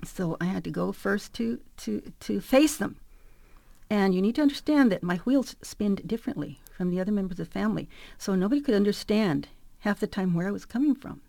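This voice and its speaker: A woman from South Phoenix telling a personal story in an animated way, acting out her family's dialogue. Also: mid-range voice, a little fast, gravelly, dry recording.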